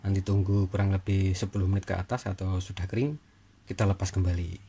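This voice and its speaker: With a deep, dark, husky voice and a level tone, a man runs an informal repair tutorial at a quick pace. He addresses viewers directly, breaking the hands-on work into short step-by-step phrases.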